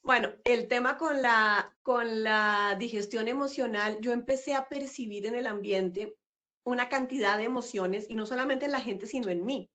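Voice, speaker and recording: In a casual video-call interview, a middle-aged woman guest talks in a fairly high voice at a moderate pace. She's reflective and warm, with lots of fillers and laughter along the way.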